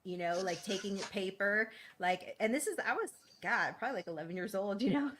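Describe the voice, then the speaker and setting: A woman's voice: mid-range voice, fairly quick, a bit bright, slight background noise. A woman guest raised in East Boston, talking candidly in a casual interview, with plenty of fillers and laughs. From East Boston, Massachusetts.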